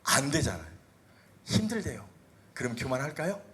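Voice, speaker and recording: A middle-aged male senior pastor preaching a sermon in a church. He swings between loud, rising exhortation and low, quiet asides, asks the congregation questions and acts out voices from the Bible. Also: wildly swooping pitch, moderate pace, a little hiss or hum. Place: church sanctuary.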